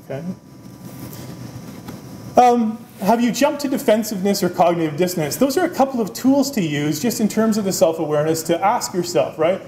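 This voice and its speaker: A man in his forties delivers a keynote from a wooden podium, his voice pitched a little high. He talks in an animated, conversational way, gesturing as he goes. The podium mic picks up the echo of the lecture room and a faint hum of background noise. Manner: animated, conversational, often adds "right?", gestures with both hands. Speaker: business school dean giving a keynote. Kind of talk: keynote speech. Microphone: podium microphone.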